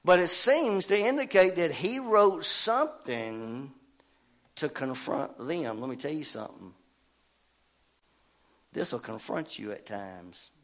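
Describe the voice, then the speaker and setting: An older man preaching a sermon in a folksy, animated way, dropping low and quiet, then rising to loud calls. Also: slow pace, pauses often.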